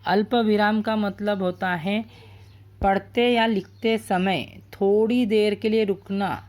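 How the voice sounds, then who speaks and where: A man's voice: high voice, steady tone, slow pace. A man teaching Hindi grammar as a patient teacher, explaining step by step and often checking in with his students. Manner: patient, repeats points with "ठीक है". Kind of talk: classroom grammar lesson.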